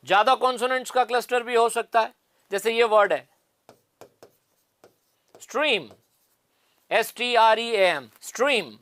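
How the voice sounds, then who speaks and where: A man with a fairly high voice teaches an exam-prep lesson. He works through each point step by step and asks the class questions he then answers himself. The recording is dry, with no room sound. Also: fairly bright tone, no room sound. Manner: explains step by step, repeats key answers.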